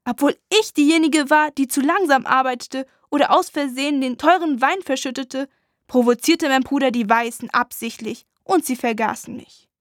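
A woman narrating a dramatic first-person audiobook in a slow, hushed, intense way. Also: high-pitched, dry recording, studio quality.

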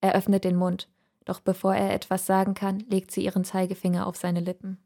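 A woman narrating an audiobook in a calm, measured way. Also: mid-range voice, gravelly.

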